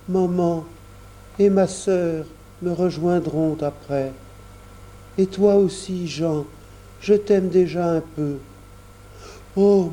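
A frail little boy, gravely ill and gentle, speaks in a faint, weak, plaintive voice, raised well above the reader's own pitch, as a man reads him aloud. His words come slowly and softly, in a dark, mellow tone. It is a storybook reading.

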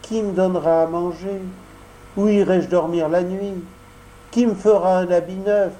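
A man voicing a grieving, impulsive wooden puppet boy in a storybook reading, high and pleading. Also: steady tone, unhurried, mellow, low-quality recording. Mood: wailing grief. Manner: wailing, pleading, high-pitched. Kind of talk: audiobook character voice.

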